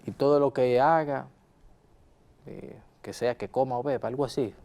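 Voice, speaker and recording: A man acting as a quick-tempered husband sits in a counseling session and keeps pressing his points. He repeats himself and speaks to the counselor with formal respect. His voice is mellow and warm, at a middling pitch. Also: fairly even intonation, natural voice. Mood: insistent. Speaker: counseling client. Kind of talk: role-played counseling session.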